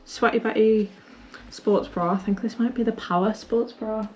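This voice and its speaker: A woman's voice: fairly high pitch, fairly even intonation, normal speed, a little mellow. A woman chatting casually as she gets ready, in a running vlog. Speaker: running vlogger. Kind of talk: casual get-ready-with-me chat. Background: music.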